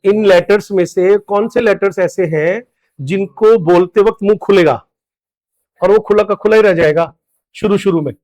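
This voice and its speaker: Male teacher, high voice, lecture delivery that keeps quizzing the class. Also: moderate pace, a little mellow. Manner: drills students with repeated questions, very high-pitched. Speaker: English grammar teacher.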